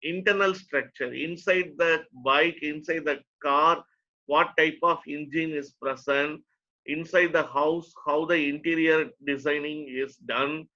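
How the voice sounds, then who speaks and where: A man's voice: on the high side, fairly even intonation, a little slow, pushed and bright, dull audio. A man with an Indian accent teaching a lesson step by step, often repeating phrases for emphasis. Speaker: teacher, lecturer. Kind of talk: online lecture to a nursing student.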